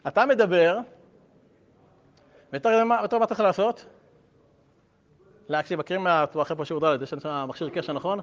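A man's voice: high-pitched, long pauses, dull audio. A man teaching a religious class in a conversational way, asking his listeners questions and telling anecdotes. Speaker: Torah teacher.

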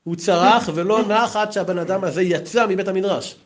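A man giving a storytelling memorial talk, lively and full of acted-out quotes. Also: high voice.

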